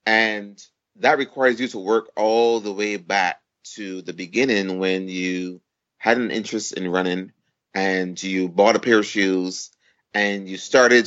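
A man from Barbados with a fairly low voice, talking as a guest on a podcast. He explains things in a measured way, building his points step by step. The audio is dull and lo-fi. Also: a bit bright. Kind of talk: conversational interview.

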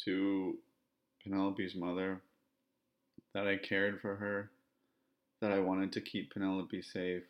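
This is an Ontario podcast host speaking solo, his low voice even and flat by his own account of being monotone. He repeats himself in a measured rhythm, and the sound is lo-fi.

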